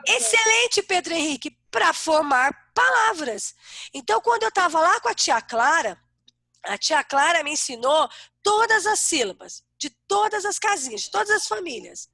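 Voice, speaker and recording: A Brazilian woman teaching an online class to young children, with a warm, sing-song way of talking. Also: very high-pitched, very animated, moderate pace, gravelly, dry recording, studio quality. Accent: Brazilian Portuguese. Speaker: primary school teacher.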